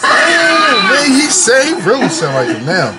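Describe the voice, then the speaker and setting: A man hosting a reaction video, giving excitable, exclamatory commentary. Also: extremely high pitch, measured pace, shouting, loud music behind the voice, rough recording.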